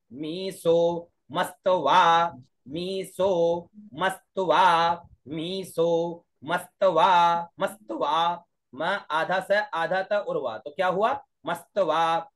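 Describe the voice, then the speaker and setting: A high-voiced man teaching Vedic chanting over a video call. He speaks slowly and deliberately, splitting each word into syllables and chanting the phrases again and again for his students. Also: a bit bright. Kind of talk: online class teaching mantra pronunciation.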